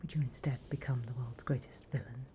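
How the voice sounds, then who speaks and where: In a whispered ASMR roleplay, a British woman voices a sly, greedy female demon auctioneer, her soft, breathy delivery deliberate and coolly questioning. Her tone rumbles low and steady, with slight background noise, and the mood is greedy and probing.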